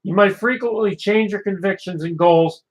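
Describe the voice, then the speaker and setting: A man's voice: high-pitched, moderate pace, poor audio. A man hosting a casual local radio show, reading weather, listener ads and birthday notes in an easygoing way.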